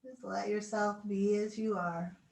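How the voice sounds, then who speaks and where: Slow, gentle woman guiding relaxation, roomy sound. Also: mid-range voice, steady tone, vocal fry. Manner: soothing, gentle, unhurried spoken guidance. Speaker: yoga relaxation instructor. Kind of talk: guided relaxation meditation. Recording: roomy echo, distant mic, video call recording.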